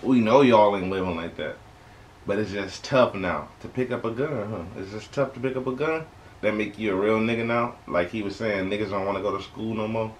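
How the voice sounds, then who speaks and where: Young American male reaction host, lowish pitch, slangy and conversational, emphatic repeats, noisy home webcam sound. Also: fairly quick. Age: young adult. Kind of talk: casual reaction commentary. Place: small bedroom indoors. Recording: clear background noise, home webcam recording.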